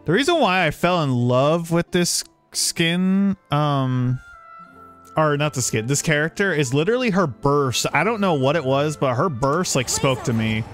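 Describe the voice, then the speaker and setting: Faint music plays behind a male game streamer who rambles casually to his viewers, cursing occasionally. His voice is fairly high and bright, his intonation lively and his pace unhurried.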